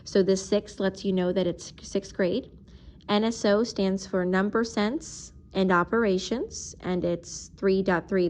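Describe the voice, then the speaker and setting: Female teacher, mid-pitched, patient, step-by-step math lesson voice, occasionally slows down while writing. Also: darkish tone. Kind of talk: recorded math video lesson.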